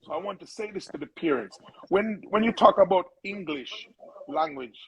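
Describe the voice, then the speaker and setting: This time the Brooklyn musical elder, a middle-aged man with a Jamaican accent, sounds high and creaky, with lively intonation at a moderate pace over a rough recording. Being interviewed, he offers advice conversationally, preaching with emphasis.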